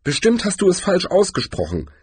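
A man reading a storybook, voicing a practical, bossy young woman who talks in a brisk, know-it-all way. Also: sits high, wildly swooping pitch, breathy edge, no echo, pitched above the performer's own voice, exaggerated voice.

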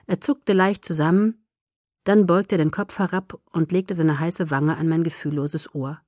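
A woman reading a novel aloud as first-person narrator, expressive and steady. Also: low-pitched, measured pace, no room sound, studio quality. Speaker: audiobook narrator.

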